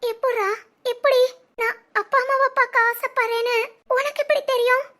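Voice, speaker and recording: A very high, squeaky cartoon voice for a loving young wife, tender and quick to tears, as a voice actress plays her. She talks in sobbing, clinging pleas, close and intimate. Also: fairly even intonation, bright, forceful tone. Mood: soft, affectionate. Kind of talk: cartoon voice acting.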